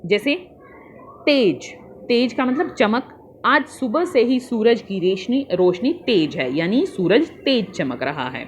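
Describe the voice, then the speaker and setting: A woman teacher patiently walking young children through a worksheet, spelling out answers slowly and calling her pupils "beta". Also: on the high side, animated, slight background noise.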